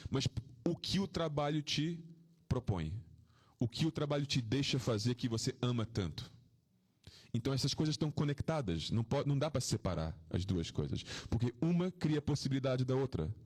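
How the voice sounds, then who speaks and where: A man, a swami, gives an informal spiritual talk to devotees, reflective and anecdotal, with rhetorical questions and frequent dips into a soft, low tone.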